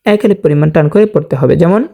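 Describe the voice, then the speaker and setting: A man teaching Quran reading, spelling words out letter by letter and drawing out recited verses slowly, asking and answering his own questions for viewers. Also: on the high side, vocal fry, mellow. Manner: slow drawn-out recitation of verses between explanations.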